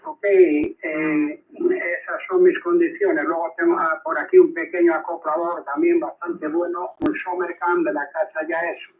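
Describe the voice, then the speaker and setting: A man with a Spain Spanish accent speaks as an amateur radio operator over a radio, in a halting, repetitive way with frequent check-ins. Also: on the high side, slight background noise. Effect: radio transmission. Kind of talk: ham radio contact, spelling out call signs. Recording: thin narrowband shortwave radio signal.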